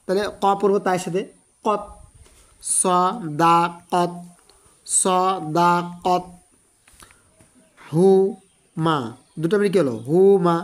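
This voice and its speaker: A man giving an online Quran reading lesson, who spells out letters slowly and repeats them for his students. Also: high voice. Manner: slow, repetitive spelling-out of letters; addresses students directly, encouraging.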